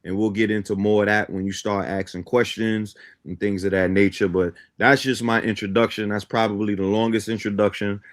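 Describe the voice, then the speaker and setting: Speaking fairly quickly in a fairly low voice with fairly even intonation, a man who was born in Guyana and grew up in Brooklyn, New York lays out his belief system as a talk show guest. He lectures like a teacher and keeps asking "right?"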